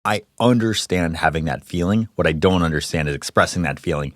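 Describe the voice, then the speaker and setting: A man co-hosting a casual film podcast debate, animated and quick to laugh, with some swearing. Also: sits low, dry recording, clean studio sound. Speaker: podcast co-host.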